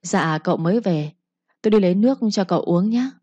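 A woman's voice: fairly low pitch, animated, a little fast, warm tone, no echo, muffled recording. A woman voicing a proud, stubborn young wife in a storybook reading. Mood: earnest.

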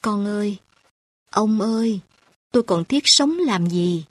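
A sorrowing elderly grandmother from a storybook, crying as she speaks to her orphaned granddaughter. Her voice is husky and breathy, recorded dry and close, as a woman narrator puts her on. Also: mid-range voice, lively intonation, slow, no echo. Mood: lamenting. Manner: tearful, lamenting. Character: grieving elderly village grandmother.

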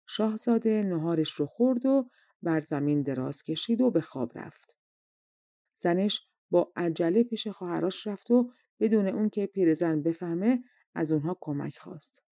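A woman narrating a folk tale for an audiobook in a steady, measured storytelling manner. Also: fairly low pitch, dry recording. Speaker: audiobook reader.

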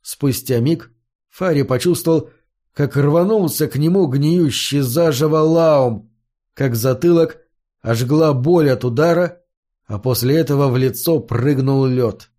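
A man narrating a story aloud in a measured way, lightly voicing the characters' lines. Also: a little high, mellow. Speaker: audiobook narrator. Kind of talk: scripted narration.

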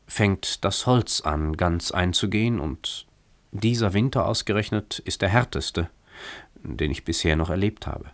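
A loving young wife with a soft, tender, lightly teasing way of speaking, read by a man in his own deep voice. The voice sits close and dry, as in a radio story reading. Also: lively intonation, moderate pace, no room sound.

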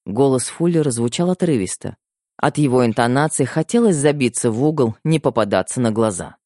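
A male narrator reads a novel aloud with lively, expressive intonation. The recording is close and dry, with no room sound. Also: mid-range voice, fairly quick, dry recording. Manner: expressive storytelling. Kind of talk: audiobook narration.

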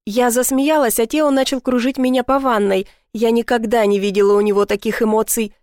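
A woman's voice: fairly high pitch, steady tone, fairly quick, a little mellow, dry recording, studio quality. A woman narrating a first-person romance story in an intimate, emotional way. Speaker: audiobook narrator.

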